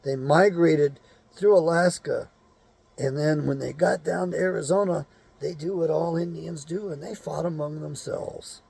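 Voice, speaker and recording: Hosting his own show, a man delivers a blunt, rambling monologue packed with cursing and rhetorical questions. His voice is a little high and unhurried, with a gravelly, husky, dark tone.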